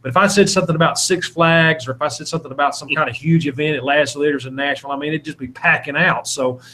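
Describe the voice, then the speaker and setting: This Alabama evangelist has a slightly high voice with a steady, sharp tone, and he talks fast. In an informal interview laced with preaching, he speaks earnestly, exhorting his listeners and going over the same points again and again.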